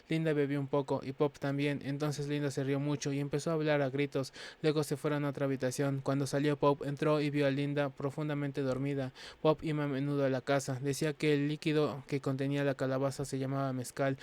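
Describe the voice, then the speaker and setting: A man reading a novel aloud in a flat, even way, stumbling and restarting words now and then. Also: mid-range voice, clean tone. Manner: halting reading with frequent restarts. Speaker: reader.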